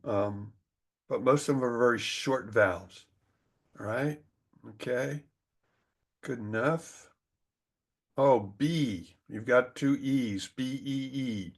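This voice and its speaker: A man's voice: medium pitch, slow, long pauses. A man teaching an online English class, patiently explaining vowel sounds and pronunciation rules over a video call.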